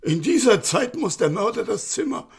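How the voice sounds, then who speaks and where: Playing a baron's aged, frightened servant in a radio play, the actor uses an exaggerated, very high voice that is gravelly and slightly rough, with big pitch swings at normal speed. The old man is anxious, stammering as his agitated, nervous account of what happened tumbles out.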